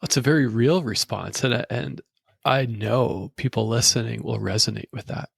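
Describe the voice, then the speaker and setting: Gravelly-voiced earnest male host. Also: medium pitch, moderate pace, no echo. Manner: earnest, stumbling restarts. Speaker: podcast host. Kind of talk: interview conversation.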